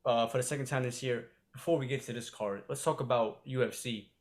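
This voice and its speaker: A mid-range male voice moves fairly quickly as he co-hosts a sports podcast. His chat is loose and casual, heavy with filler words and swearing.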